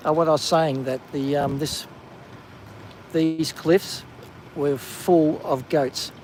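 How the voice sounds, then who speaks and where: A man casually hosting a live walking stream on a coastal clifftop, chatty with plenty of ums and excited whenever he spots something. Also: a little high, slow pace, a little hiss or hum, rough recording. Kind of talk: live walking vlog commentary. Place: outdoors on a coastal clifftop walk.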